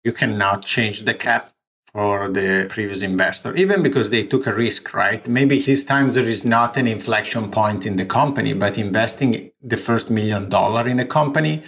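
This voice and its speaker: In a recorded interview, an Italian startup founder with an Italian accent walks through his fundraising, breaking down the figures step by step. His voice is fairly low and a bit bright, and he talks at a normal speed.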